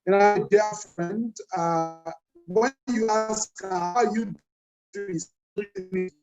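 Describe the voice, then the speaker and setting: Over a video call, a Nigerian-accented man in his fifties gives a motivational speech to children at a conference. He speaks earnestly, repeating key phrases and returning to rhetorical questions to drive his points home. His voice is high-pitched and very slow, the audio is dull, and music plays underneath.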